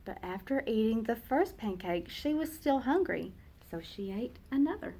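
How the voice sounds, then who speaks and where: A woman teacher with a slightly high, husky voice reads a children's picture book aloud, going slowly and expressively for young listeners.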